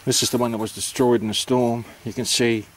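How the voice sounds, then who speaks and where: A man's voice: mid-range voice, flat delivery, a little fast, a little hiss or hum. A man with an Australian accent giving an informal, matter-of-fact explanation, hesitant and unscripted as he goes. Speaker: amateur radio operator presenting.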